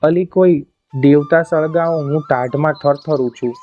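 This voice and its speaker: A man's voice: on the high side, normal speed, lightly acted. A man reading the lines of a haughty, spoiled young queen in an imperious, scornful way. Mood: commanding. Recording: dull lo-fi audio, faint music.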